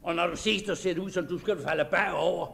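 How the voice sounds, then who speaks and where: A man's voice: sits high, vocal fry, fairly bright tone. A man voicing a young hunting servant who teases and scorns a clumsy beginner, in a dramatic reading. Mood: mocking. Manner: teasing, scornful.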